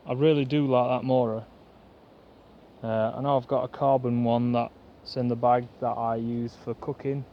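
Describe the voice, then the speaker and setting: A man chatting fast and rambling to the camera in a pine woodland, like a bushcraft vlogger. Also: medium pitch, level tone, slight background noise. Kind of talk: casual rambling chat to camera. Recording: dull lo-fi outdoor recording, faint woodland ambience.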